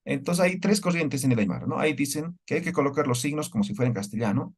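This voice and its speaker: A man's voice: mid-range voice, lively intonation, quick pace. A man teaching a language class. He explains step by step and keeps checking with the students through short questions. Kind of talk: classroom lecture.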